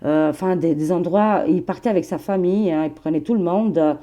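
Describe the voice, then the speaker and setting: A woman in her forties speaks with an Albanian accent, holding a casual, rambling chat with her viewers. Her voice sits a bit low and sounds mellow. She laughs often and fills her sentences with asides. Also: fairly quick, lo-fi sound. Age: 40s. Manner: chatty, laughing, addresses viewers as friends, many fillers. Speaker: tarot reader and channel host.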